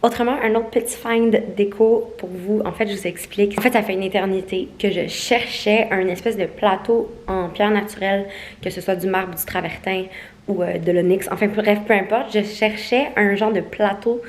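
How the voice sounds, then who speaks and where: A woman's voice: mid-range voice, fairly even intonation, normal speed. A young woman with a Québécois French accent, vlogging casually and mixing in English words. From Quebec. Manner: chatty, mixes in English words. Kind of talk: casual vlog.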